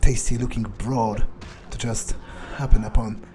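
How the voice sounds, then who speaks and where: Muttering his thoughts aloud in character, a gameplay roleplayer plays a foul-mouthed, cynical male vampire stalking a city for victims. He sounds frustrated and sardonic, swearing casually and hesitating, in a natural, unhurried mid-range voice with fairly even intonation. Game music plays under his voice.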